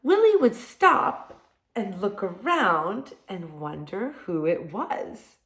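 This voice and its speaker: A woman hosting a read-aloud for young children like a kids' show host, talking straight to them in simple words and expressive questions. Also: mid-range voice, slow. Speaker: kindergarten teacher reading picture books to children. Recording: echoey room sound.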